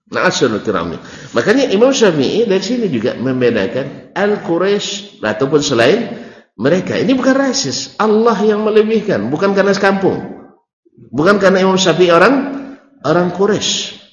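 A man with a Malay accent giving a religious study lecture, animated and teasing, his voice jumping high on key words. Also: moderate pace. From Malay region of Indonesia. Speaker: preacher teaching a classical text. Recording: roomy dull hall recording.

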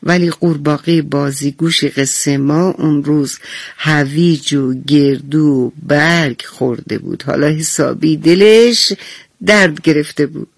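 A woman's voice: low voice, creaky, dry recording. A woman narrating a bedtime story on the radio for children, talking to them directly and affectionately. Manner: warm, addresses children directly.

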